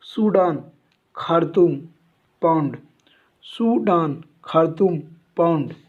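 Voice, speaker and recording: A man's voice: fairly high pitch, expressive, slow pace. A male teacher reciting a general knowledge lesson, saying each item twice like a memory drill. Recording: tinny phone-like sound.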